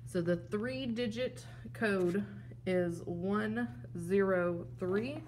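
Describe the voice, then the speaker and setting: Speaking very slowly in a mid-range voice, a woman teacher gives a steady, plain walkthrough of a classroom game and shows the props as she talks. A little hiss or hum sits under the recording.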